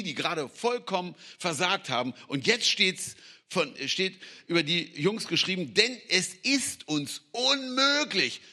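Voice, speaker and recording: Husky preacher guy, super lively voice that jumps all over, gets loud. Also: a little high. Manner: animated, acts out quotes and voices, sometimes shouts. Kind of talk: energetic sermon.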